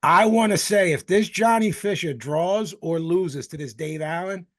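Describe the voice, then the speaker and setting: A man's voice: sits high, moderate pace, no room sound, clean studio sound. A man co-hosting a podcast, talking loosely and jokily about boxing with some swearing. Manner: loose, profane, jokey banter. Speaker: podcast co-host. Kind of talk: casual boxing chat.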